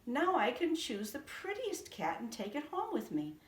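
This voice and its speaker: A gentle, easily delighted very old man from a picture book, as a woman reading aloud gives him voice. The lines lilt and rise. A roomy echo from a distance frames them. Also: high voice, huge pitch swings, normal speed, voice pushed up.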